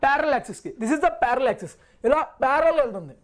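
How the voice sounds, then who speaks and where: A man's voice: extremely high pitch, expressive, quick pace. A male physics teacher in a live online class who reassures his students, repeats every point and asks and answers his own questions.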